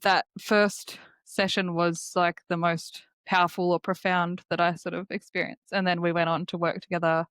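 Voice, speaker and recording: A woman's voice: on the low side, flat delivery, moderate pace, hardly any pauses, fairly bright tone, smooth, dry recording. A woman hosting a podcast and speaking to a guest and audience. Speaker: podcast host. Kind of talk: podcast hosting, introduction and casual chat.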